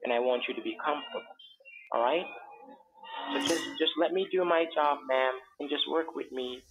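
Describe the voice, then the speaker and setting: A man's voice: a little high, normal speed, fairly bright tone, faint music behind. A man with a Jamaican accent talking insistently and placatingly, persuading someone on a phone call. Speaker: phone scammer. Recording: dull, noisy phone line.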